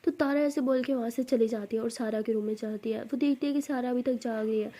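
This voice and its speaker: A young woman tells a romance story as host in a high, mellow voice. Her narration is plain and moves along quickly. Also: fairly even intonation, a little hiss or hum. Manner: plain, quick-paced retelling.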